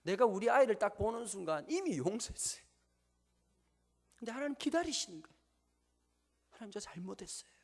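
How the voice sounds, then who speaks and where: A man's voice: high voice, very animated. A man with a Gyeongsang Korean accent preaching a sermon to a congregation, telling stories and asking them rhetorical questions. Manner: normally talks very fast, slowing down on purpose. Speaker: pastor. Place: church sanctuary before a congregation. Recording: long church hall reverb.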